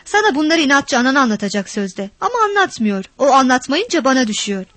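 A woman voicing a harsh, violent village father who shouts, curses and threatens. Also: sits high, sing-song, quick pace, no echo. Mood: coaxing.

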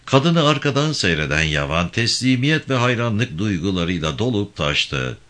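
A man reading a literary novel aloud in a measured, dramatic way. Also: on the low side. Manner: measured, dramatic reading with lively rises and falls. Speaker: audiobook reader.

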